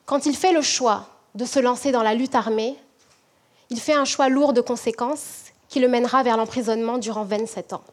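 A management professor from French Guiana, a woman with a high-pitched voice, gives a prepared talk. Her delivery is measured and reflective, slowing down to emphasize key points.

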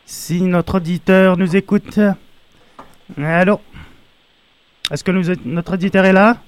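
A man's voice: sits high, fairly even intonation, takes it slowly, slight background noise. A man hosting a show and taking a call, chatting in a playful, casual way. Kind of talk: casual live show banter.

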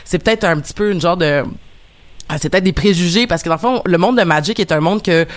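A woman with a Québécois accent hosting a live radio talk show, chatty and excitable, often restarting her sentences. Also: fairly low pitch, fast. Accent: Québécois French. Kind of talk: casual live radio chat.

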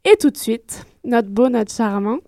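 A woman with a high, bright voice hosts a radio talk show. She introduces guests and topics with cheerful energy. The recording is dry and close. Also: measured pace, no room sound.

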